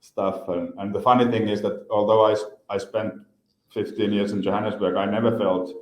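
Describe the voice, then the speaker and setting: Low-voiced Finnish man in an echoey room. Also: steady tone, a little fast. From Finland. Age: 50s. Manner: hesitant, many repeated words and fillers. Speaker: guest. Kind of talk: interview answers.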